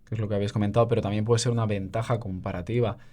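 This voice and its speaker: A man's voice: on the low side, fairly even intonation, racing, darkish tone. A man co-hosting a podcast, explaining history in casual chat with frequent fillers. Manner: explains with many fillers and asides. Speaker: podcast co-host.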